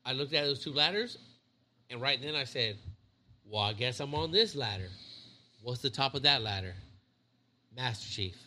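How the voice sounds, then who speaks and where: A man's voice: mid-range voice, expressive, normal speed, pauses often, sharp tone, a little hiss or hum. A man in his thirties, a Navy chief co-hosting a podcast, telling rambling stories in casual chat and swearing a lot. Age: 30s. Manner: profane, rambling storyteller.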